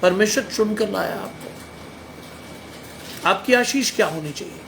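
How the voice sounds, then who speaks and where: A man's voice: high-pitched, a little slow, gravelly, a bit bright, slight background noise. A man preaching a sermon, blunt and emphatic, firing rhetorical questions at his listeners. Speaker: pastor.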